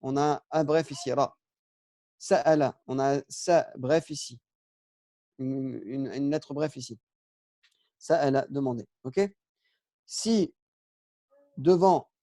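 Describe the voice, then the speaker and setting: Patient man teaching with a dark, dry voice. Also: fairly high pitch, no room sound. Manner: patient, explains step by step, many fillers and self-corrections. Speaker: Arabic teacher. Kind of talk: casual lesson on Arabic spelling.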